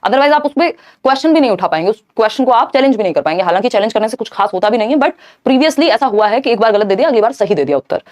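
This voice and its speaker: Brisk woman teaching a live lesson. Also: fairly high pitch, lively intonation, a little mellow. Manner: brisk, explanatory, talks to chat viewers. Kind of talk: live online exam-prep lesson.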